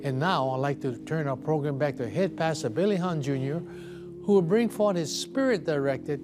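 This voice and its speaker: Announcer man over clear music. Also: fairly high pitch, moderate pace. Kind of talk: scripted announcements. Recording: music behind voice.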